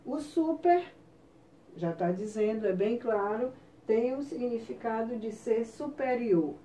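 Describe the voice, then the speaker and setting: Slow, patient woman teacher, Brazilian accent. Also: on the high side, expressive, warm tone, recorded from a distance, slight background noise. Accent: Brazilian Portuguese. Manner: slow, patient explaining with frequent check-ins. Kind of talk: recorded online class lesson. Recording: roomy, off-mic with faint ambience.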